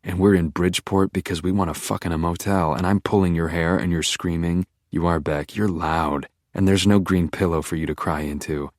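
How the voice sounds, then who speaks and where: A man with a very low, deep voice reads a first-person audiobook. His delivery is intense and brooding, like a private monologue. The recording is close and completely dry. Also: steady tone, a little fast, few pauses, dry recording. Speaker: audiobook narrator.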